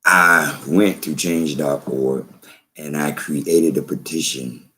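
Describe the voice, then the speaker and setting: A man's voice: rumbling low, steady tone, slow pace, sharp tone. A man talking to camera in a preachy, emphatic way, often repeating himself. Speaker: vlogger. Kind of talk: slow spoken commentary to camera.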